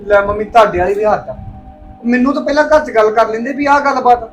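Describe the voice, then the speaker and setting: An actor playing a young husband who calmly reasons with his mother. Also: very high voice, fast talker, faint music behind. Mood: placating. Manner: reasoning, placating. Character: calm young husband mediating family. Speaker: husband and son. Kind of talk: family drama acting.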